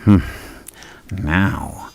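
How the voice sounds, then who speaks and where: A man playing a deranged, lovestruck supervillain in an ASMR roleplay, gravelly and breathy, halting and theatrical, often sinking into a whisper. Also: darkish tone. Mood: playful menace. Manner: halting, theatrical, menacingly courteous. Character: the Joker, deranged lovestruck male supervillain on a date.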